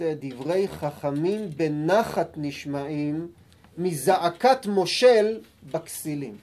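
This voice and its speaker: A man giving a Torah lesson, who reads sources slowly and calmly and acts out heated arguments in sudden loud bursts. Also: high-pitched, slight background noise. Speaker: Torah teacher.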